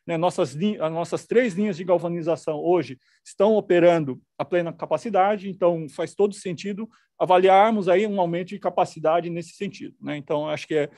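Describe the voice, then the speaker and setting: A man's voice: sits high, fairly quick, few pauses, a little mellow, no echo, clean studio sound. A man, a company executive, answering analysts on an earnings call with many fillers and restarts.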